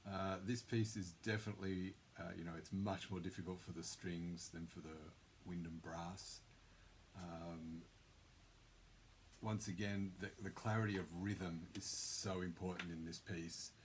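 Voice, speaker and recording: A man's voice: low-pitched, measured pace, a little hiss or hum. A man conductor giving casual practice tips to his orchestra, now and then singing rhythms on nonsense syllables. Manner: relaxed, conversational, sings rhythms with syllables. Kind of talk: instructional talk to orchestra members.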